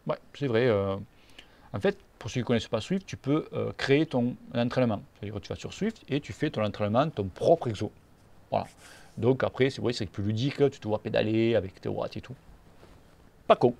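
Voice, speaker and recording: Host answering viewer questions, southern French accent, gravelly, blunt and teasing. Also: male voice, mid-range voice, brisk, darkish tone. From Catalonia, near Perpignan. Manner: blunt, joking, slangy. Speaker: cycling channel host.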